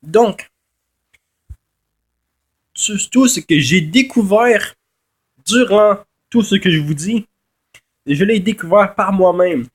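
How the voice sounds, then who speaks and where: A man with a Québécois accent and a nasal voice, congested from a cold, giving a casual, halting game tutorial in which he often repeats and corrects himself. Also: high voice, slightly rough. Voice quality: nasal from a blocked nose. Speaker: gaming video host.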